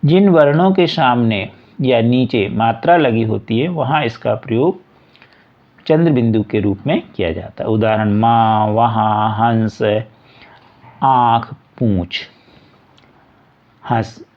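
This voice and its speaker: A man teaching a school workbook lesson, reading a passage aloud and then going through example words one at a time, patiently. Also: medium pitch. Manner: slow, patient, repeats examples word by word. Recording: dull lo-fi recording.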